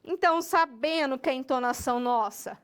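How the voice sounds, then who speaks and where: High-voiced woman teaching English. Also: clear, resonant tone. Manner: slow, stretched model phrases when demonstrating English questions; talks directly to the student, checks in with tags. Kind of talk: recorded online lesson.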